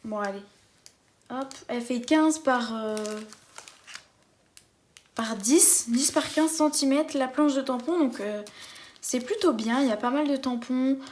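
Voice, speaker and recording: A woman's voice: high voice, unhurried, long pauses, a little mellow. A woman chatting enthusiastically as she unboxes a craft kit for her viewers. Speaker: craft vlogger. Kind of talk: casual unboxing chat.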